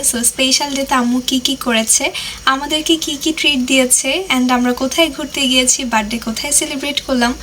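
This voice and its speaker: A woman's voice: sits high, a bit bright, slight background noise. A young woman from Bangladesh narrating her family vlog in a chatty way, slipping English phrases into her talk. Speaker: vlogger.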